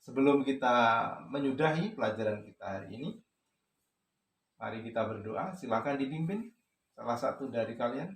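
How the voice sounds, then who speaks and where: A man's voice: mid-range voice, lively intonation, normal speed, long pauses. A man with an Indonesian accent teaching an English lesson to a class, switching between English and Indonesian and quizzing the students. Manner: mixes English and Indonesian, asks class questions. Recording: echoey classroom.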